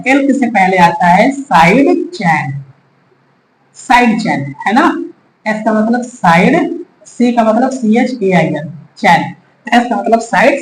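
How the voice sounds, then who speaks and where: A man's voice: high-pitched, a little hiss or hum. A male chemistry teacher giving a whiteboard lesson, patiently repeating steps, counting aloud and addressing his students as children. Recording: echoey room, faint ambience.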